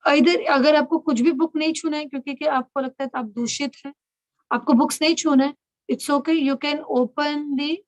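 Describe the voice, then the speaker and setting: High-voiced woman giving direct guidance. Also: no echo, rough recording. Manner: direct, instructive, checks understanding often. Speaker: spiritual mentor leading an online girls' session. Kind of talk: instructive talk in Hindi-English mix.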